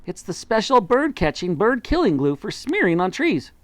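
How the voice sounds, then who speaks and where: A reader putting on a frenzied monkey father, barking orders high and loud with wild swings of pitch in a close, dry sound. He sounds urgent and bossy, hurrying everyone along. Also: big pitch swings, normal speed, no echo, natural voice. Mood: excited. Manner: shouting, urgent commands.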